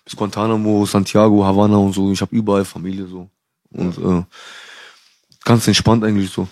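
A man's voice: lowish voice, little pitch movement, brisk, a little mellow. A young man from Cuba, a podcast guest, telling stories in casual slangy talk, calling the host bro. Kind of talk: casual storytelling.

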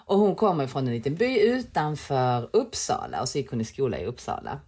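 A woman with a Scanian Swedish accent chatting casually as a co-host, telling stories in a lively, animated way. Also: very deep voice, slightly rough. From southern Sweden. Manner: lively storyteller, animated, laughs often. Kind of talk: casual chat.

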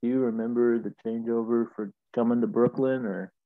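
A podcast host conducts a casual interview, tossing out easygoing questions and quick nods of agreement. His voice is medium-pitched and steady, fairly quick, and has a phone-quality sound.

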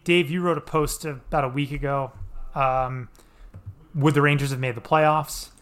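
A man with a mid-range voice hosting a sports podcast. He moderates in a relaxed, rambling way, full of little fillers as he steers the conversation. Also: medium pitch, normal speed. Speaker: podcast host. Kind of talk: casual sports podcast chat.

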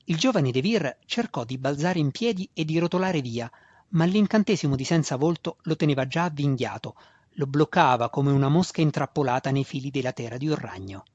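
A man narrating an audiobook in a steady, measured way, his voice husky and breathy. The recording is dull and lo-fi, dry with no room sound at all. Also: a little high, no room sound.

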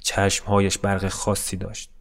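A man narrating a short story in a measured, subdued reading. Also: low voice, completely flat delivery.

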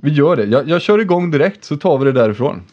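A man's voice: on the high side, expressive, highs cut off. A man hosting a casual podcast, chatty and joking, swearing now and then. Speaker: podcast host.

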